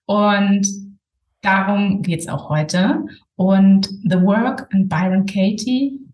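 A woman's voice: mid-range voice, darkish tone, roomy sound, poor audio. A woman hosting a podcast interview who asks her guest friendly, open questions. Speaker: podcast host.

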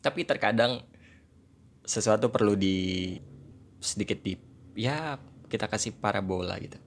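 Man, twenties, lowish pitch, South Jakarta accent with Javanese tinge, Jakarta slang mixed with English, casual podcast chat, rambling, self-deprecating. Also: a little slow, a little hiss or hum. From Indonesia, South Jakarta. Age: 20s. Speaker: podcast host.

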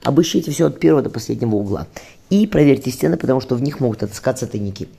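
A man's voice: mid-range voice, expressive, racing, creaky, dark tone, slightly rough, voice pushed up. A man reading a cold, stern official giving dry, patient commands in a spoken storybook. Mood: commanding.

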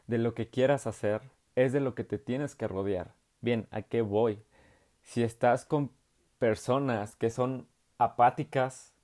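Young Mexican man, youth preacher, casual slangy sermon, animated delivery. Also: mid-range voice. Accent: Mexican Spanish. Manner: animated, slangy, laughs often.

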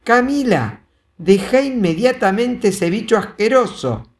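A storyteller voicing a stern, disgusted mother giving sharp orders. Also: medium pitch, animated, measured pace, pitched above the performer's own voice. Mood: commanding. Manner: sharp, commanding.

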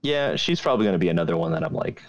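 A man co-hosting a podcast in casual chat, joking crudely in animated banter. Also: deep voice, very fast, highs cut off. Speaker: podcast co-host.

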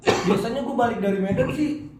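Casual male storyteller, high-pitched, Jakarta slang, echoey room with people chatting behind. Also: fairly quick, noisy background. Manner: slangy Jakarta-style talk, peppered with "bro" and swearing. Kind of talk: casual storytelling among friends.

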